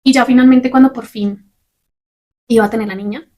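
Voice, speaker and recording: A young adult woman, a podcast host telling a personal story candidly and with animation. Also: fairly high pitch. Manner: candid, fast and animated, swears casually.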